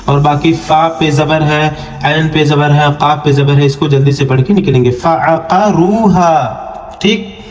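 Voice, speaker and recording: A man teaching Arabic letter reading for the Quran, spelling out each letter and vowel, then stretching the syllables slowly before quick, low spoken explanations of the rules. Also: steady tone, echoey room, slight background noise. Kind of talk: online Quran reading lesson.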